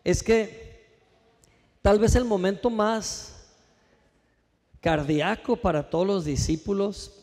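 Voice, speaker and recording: A male pastor preaching a sermon in a church, with lively rhetorical questions and calls for the congregation to answer. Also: high-pitched, takes it slowly, long pauses, big-room sound.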